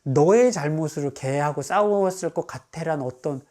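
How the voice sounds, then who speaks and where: A male psychiatrist calmly explaining advice for parents, now and then acting out what a parent or child would say. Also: on the high side, moderate pace.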